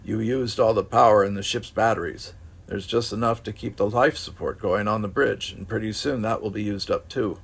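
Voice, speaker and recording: A man's voice: lowish voice, moderate pace, gravelly, husky. A man doing a grim, blunt crewman.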